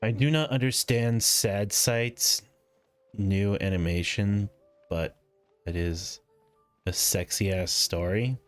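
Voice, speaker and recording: A man's voice: fairly low pitch, fairly even intonation, slow. A man giving casual gameplay commentary as a streamer, sometimes reading choices aloud. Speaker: game streamer. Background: game music.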